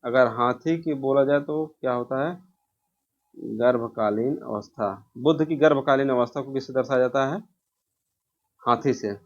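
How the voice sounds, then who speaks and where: Speaking at a moderate pace with long pauses, a man in a mid-range voice gives a relaxed exam-prep lesson by asking questions and answering them himself. The sound is dull, muffled and lo-fi.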